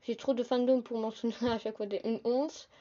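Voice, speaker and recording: A young woman hosting a casual solo podcast, talking fast and chatty, often calling her listeners "the guys". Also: a little high, fairly even intonation, warm tone, lo-fi sound. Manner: fast, chatty, addresses listeners as "les gars". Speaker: podcast host.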